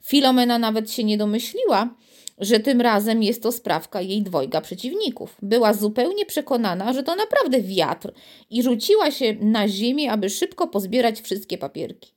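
A woman narrating a children's storybook in a steady, lively storytelling manner. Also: a little high, normal speed. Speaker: audiobook narrator.

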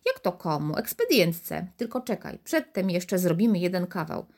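A woman voicing a calm, playful young boy in a children's storybook reading. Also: lowish voice, normal speed. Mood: easygoing. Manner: reassuring, easygoing.

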